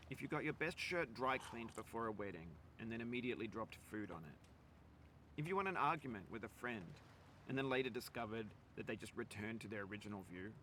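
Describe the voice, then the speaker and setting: A man narrating a game in a calm, gentle, philosophical way, heard as game audio played back. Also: mid-range voice, slight background noise, natural voice. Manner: gentle, philosophical, soft-spoken.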